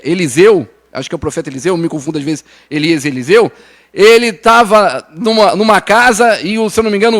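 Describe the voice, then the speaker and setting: A male pastor with a São Paulo Brazilian accent preaching a sermon. He restarts and repeats words, keeps asking the congregation "né?", and moves between urgent raised lines and soft low ones. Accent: Brazilian Portuguese, São Paulo.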